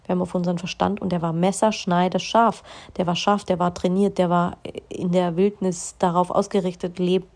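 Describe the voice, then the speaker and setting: Low gravelly woman, meditative self-help talk. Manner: calm, meditative, drops into soft whispers; slow, drawn-out emphasis on key phrases. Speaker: spiritual self-help host. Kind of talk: spiritual self-help monologue.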